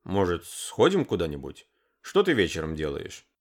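Awkward, smitten young man, voiced by a male reader, low and earnest, animated. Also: normal speed, exaggerated voice. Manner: hesitant and earnest.

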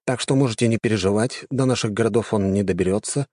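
A man's voice: on the low side, fast, mellow, dry recording, studio quality, close to an everyday voice. A man doing a deferential royal spy. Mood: reporting. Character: deferential male spy reporting to a king.

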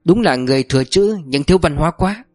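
A woman's voice: low voice, lively intonation, fast, darkish tone, dry recording, soft background music. A man voicing a sly, sarcastic older businesswoman who speaks coolly and mockingly. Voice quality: cool, mocking.

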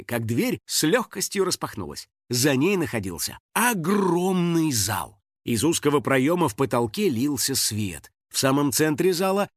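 A man narrating a children's audiobook in an expressive storytelling manner. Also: medium pitch, no echo, studio quality.

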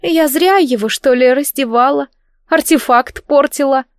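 A woman voicing a loud, scheming young princess from a storybook. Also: high-pitched, a little slow, no room sound, clean studio sound, voice pushed up. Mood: muttering.

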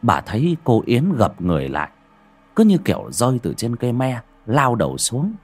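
A man's voice: mid-range voice, huge pitch swings, moderate pace. A man narrating a horror story in a dramatic storytelling manner with colloquial asides. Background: faint music.

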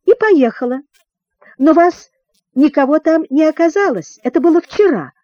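A woman's voice: high voice, animated, normal speed, mellow, dull audio, pitched above the performer's own voice. Woman doing a gushing young tomboy girl.

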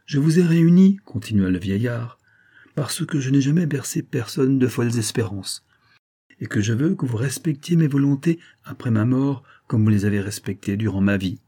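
A man's voice: mid-range voice, normal speed, dark tone, slightly rough, lightly acted. A man voicing an elderly general, a kindly but solemn patriarch who speaks firmly and formally.

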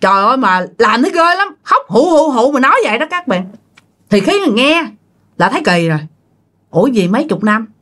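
A woman's voice: fairly high pitch, sing-song, a little fast, fairly bright tone. A woman telling a ghost story casually, chatting directly to her listeners.

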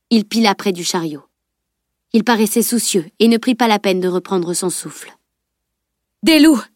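A woman's voice: medium pitch, no room sound. Woman narrating an audiobook, dry sound. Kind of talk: scripted narration.

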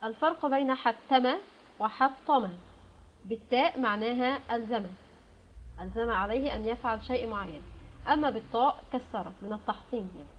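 An Egyptian woman giving a methodical Arabic lesson, explaining word pairs and often pausing on "aah". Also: fairly high pitch. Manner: methodical, with frequent "aah" fillers. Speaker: Arabic language teacher. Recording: dull lo-fi sound.

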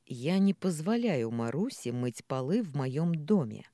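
A reader voicing a patient, tired middle-aged father who speaks calmly and reasons, in a read-aloud story. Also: mid-range voice, measured pace, no echo, studio quality. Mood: weary. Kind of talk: audiobook character voicing.

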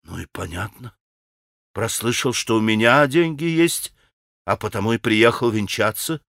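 A man voicing a proud, hot-tempered young woman in an audiobook, shrill and scornful. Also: animated, moderate pace, vocal fry, a bit bright, no room sound, clean studio sound. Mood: scornful hysterical.

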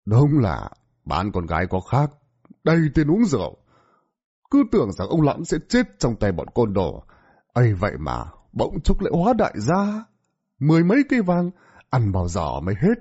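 A man's voice: medium pitch, huge pitch swings, normal speed, darkish tone, slightly rough, dull audio, full character voice. A man voicing a village gossip who mocks a neighbour with a sneering tone. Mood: mocking.

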